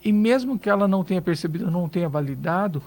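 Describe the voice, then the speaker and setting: A Brazilian man with a notably high-pitched voice speaks as a psychologist guest in a radio studio. He advises earnestly, leaning on rhetorical questions to press his points. His pace is conversational. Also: expressive, fast, darkish tone. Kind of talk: radio interview advice.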